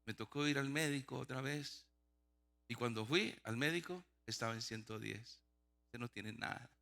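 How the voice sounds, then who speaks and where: A man's voice: medium pitch, moderate pace, creaky, sharp tone. A middle-aged male pastor telling a personal testimony in a sermon, acting out the dialogue with frequent restarts. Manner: storytelling, acts out dialogue, many restarts.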